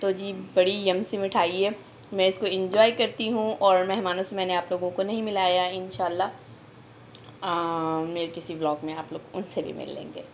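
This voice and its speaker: Holding her phone camera in hand, a young woman films a casual cooking vlog in her kitchen and talks directly to viewers in a chatty, upbeat way. Her voice sits on the low side with a flat delivery at normal speed. The recording is muffled and carries a little hiss or hum.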